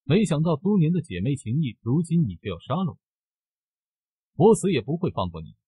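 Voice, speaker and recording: A man's voice: a little high, very animated, brisk, slightly rough, dry recording, phone-quality sound, exaggerated voice. A man voicing a greedy, haughty female wisteria flower demon, speaking in a suspicious, haughty way.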